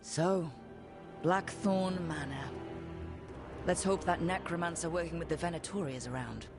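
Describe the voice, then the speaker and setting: In video game dialogue, an actor plays an easygoing, wry adventurer, speaking casually and plainly with a friendly tone. The voice is medium in pitch and moderately paced, only lightly acted, with music playing behind it.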